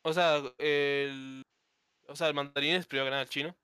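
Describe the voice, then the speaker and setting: A man's voice: fairly high pitch, steady tone, moderate pace, bright, forceful tone. A man co-hosting a podcast, rambling casually and often restarting his sentences. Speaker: podcast co-host. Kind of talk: casual chat.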